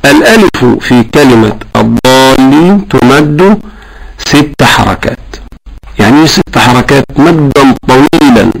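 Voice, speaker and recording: A man teaching correct Quran recitation, explaining patiently and chanting verses slowly to demonstrate. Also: mid-range voice, expressive, creaky, poor audio.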